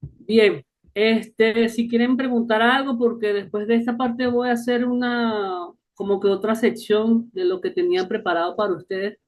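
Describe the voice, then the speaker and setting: A man speaking to a faith group, telling stories in a casual, lively way. He often adds short tag questions and laughs along as he talks. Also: sits high, moderate pace. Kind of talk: casual storytelling talk.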